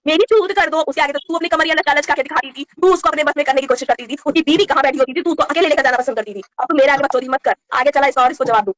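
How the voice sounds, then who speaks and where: A woman vlogger in a heated, confrontational rant, scolding someone at rapid-fire speed. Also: high voice, fairly bright tone, dry recording.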